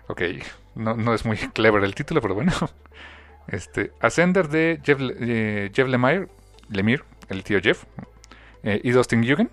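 A man hosting a comics podcast, chatting casually and rambling through filler pauses. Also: mid-range voice, expressive, fairly bright tone, no room sound, faint music behind. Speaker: podcast host. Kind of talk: casual chat.

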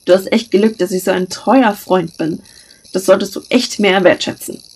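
A woman's voice: medium pitch, steady tone, moderate pace, a little mellow, breathy edge. A woman reading aloud and voicing a talkative, pouty blond teenage boy who whines and pleads insistently.

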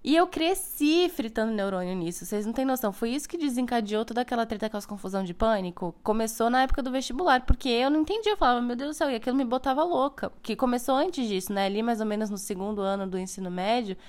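A woman's voice: on the high side, fast talker, few pauses, darkish tone. A young Brazilian woman with a Brazilian Portuguese accent, talking casually to her followers in a chatty, playful way with lots of tag questions. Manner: chatty and playful, frequent "né?" asides. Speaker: spiritual content creator. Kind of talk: casual spiritual vlog monologue.

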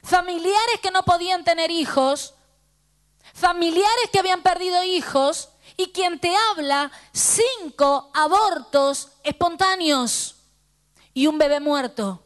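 A middle-aged woman pastor with a Rioplatense Spanish accent speaks in a very high voice, a little slowly. In her sermon she fervently tells a personal testimony, quoting the people who appear in it.

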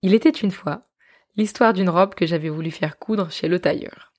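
A woman hosting a podcast, telling her story in a lively, self-mocking way and often laughing. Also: lowish voice, normal speed. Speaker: podcast host.

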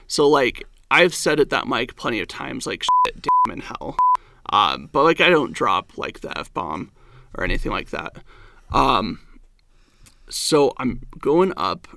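A man's voice: mid-range voice, huge pitch swings, measured pace, gravelly, bright, forceful tone, a little hiss or hum. A man, a stand-up comedian and the guest, telling a story in casual chat, rambling and filling his talk with "like" and "um". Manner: rambling, heavy use of "like" and "um".

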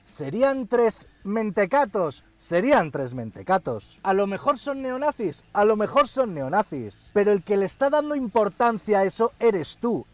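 A man from rants with scorn, his voice pitched high and leaping up and down. He repeats words over and over to drive his point home, and his tone is biting and sarcastic. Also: no room sound. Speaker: political commentator. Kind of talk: angry rant addressed to a politician.

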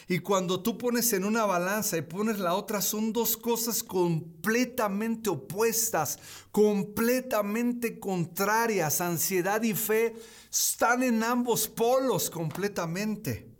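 A man's voice: sits high, slow pace. A man in his thirties preaching a streamed sermon, stressing his points by saying key phrases again. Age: 30s. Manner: emphatic, repeats key phrases.

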